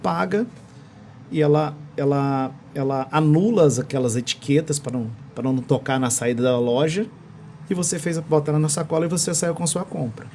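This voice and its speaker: A man with a Brazilian accent and a slightly high, warm voice explains technology as a podcast guest on a studio microphone, speaking at normal speed with fairly even intonation. He restarts phrases while searching for words, and there's a little hiss or hum.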